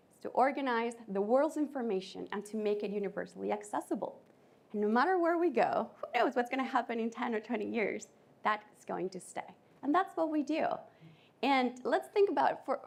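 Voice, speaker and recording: Colombian-accented woman giving a lively talk. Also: a little high, gravelly. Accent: Colombian Spanish. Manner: lively, audience-engaging presenter. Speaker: conference speaker. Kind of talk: conference talk.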